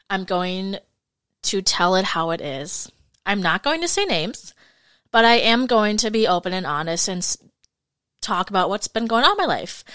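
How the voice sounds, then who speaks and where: Podcast host, woman, mid-20s, chatty and candid, clear smooth tone, dry close mic. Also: medium pitch, a bit bright, no room sound. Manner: chatty, frank, fillers like "like" and "you guys". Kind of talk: casual solo podcast monologue.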